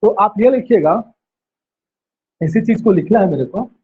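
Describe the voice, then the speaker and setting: A male teacher dictating class notes, repeating each phrase slowly so students can write it down. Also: high voice, lively intonation, husky. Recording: tinny phone-like audio.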